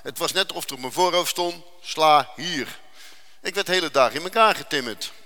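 A man's voice: fairly high pitch, animated, bright, forceful tone. Earnest man telling his testimony in a reverberant hall. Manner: earnest, dramatic storytelling with slowed emphasis. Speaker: speaker giving a faith testimony. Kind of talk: personal testimony.

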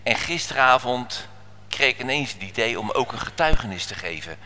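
A preacher telling a children's story in a church service, animated, swinging from whispers to shouts. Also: male voice, medium pitch, moderate pace, a little hiss or hum. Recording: echoey church hall.

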